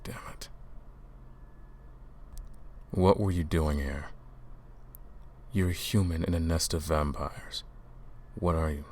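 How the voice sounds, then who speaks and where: Using a very deep, full character voice, a man plays a vampire hunter centuries old in a roleplay audio drama. He is stern and demanding, commanding in tone, and he speaks deliberately while interrogating the listener.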